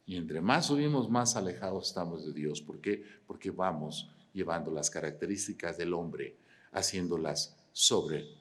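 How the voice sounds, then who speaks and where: A man, preaching an animated sermon with rhetorical questions, swinging from loud to quiet. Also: low-pitched. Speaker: pastor.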